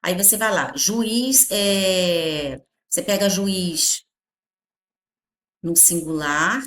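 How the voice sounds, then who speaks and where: A Brazilian woman teacher explaining grammar in an animated way, stretching her words and checking in with the class often. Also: fairly low pitch, extremely slow, roomy sound. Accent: Brazilian Portuguese.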